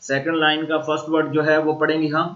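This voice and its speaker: A man with a Pakistani accent giving a recorded university lecture, explaining slowly and repeating sounds aloud to model them. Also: a little high, flat delivery, fairly bright tone, highs cut off. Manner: slow, repetitive explaining, modeling tones aloud. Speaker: language teacher.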